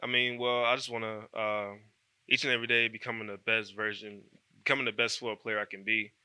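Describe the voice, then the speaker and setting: A man in his twenties from Columbus, Ohio, a college football player answering questions in an easygoing, soft-spoken way with many fillers. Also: on the low side, little pitch movement, a little fast, clean tone, dry recording. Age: 20s. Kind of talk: casual interview chat.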